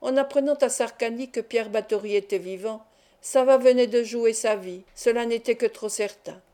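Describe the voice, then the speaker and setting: A woman's voice: on the high side, moderate pace, dark tone. A woman reading a classic adventure novel aloud as an audiobook narrator, lifting her voice for the quarrels in the dialogue. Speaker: audiobook reader. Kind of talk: scripted narration.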